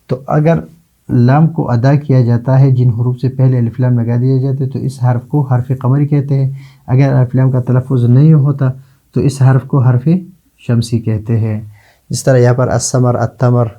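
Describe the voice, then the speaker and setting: A man teaching Arabic letters in a classroom lesson, slowly drawing out example words and answering his own questions. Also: medium pitch, steady tone, warm tone, lo-fi sound. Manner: slow, drawn-out repetition of example words.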